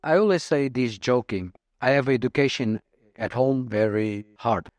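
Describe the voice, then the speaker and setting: A Portuguese man in his early fifties, a native Portuguese speaker, appears as a guest answering interview questions in halting English full of pauses and fillers. His voice is mid-range and a little mellow, with no echo.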